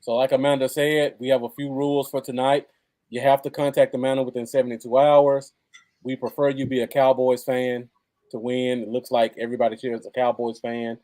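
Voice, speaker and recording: A man's voice: medium pitch, flat delivery, fairly quick, dark tone. An American man chatting casually as co-host of a live football fan show. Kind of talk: casual live sports chat.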